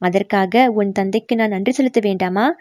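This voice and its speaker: A woman's voice: medium pitch, normal speed, a little mellow, no room sound, studio quality, natural voice. A woman voicing a playful young royal prince in an audiobook reading, bantering and scolding by turns. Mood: teasing.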